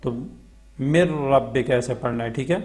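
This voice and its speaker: A Pakistani man teaching Quran reading, spelling words out syllable by syllable in a slow chant and then explaining the rules quickly in Urdu-accented speech. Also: mid-range voice, darkish tone, faint music behind.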